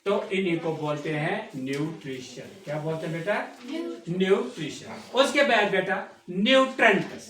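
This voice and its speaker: A man's voice: high voice, moderate pace, fairly bright tone. A man teaching a school science class, repeating key terms and asking students to call them back. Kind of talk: classroom lecture. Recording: echoey classroom, distant mic.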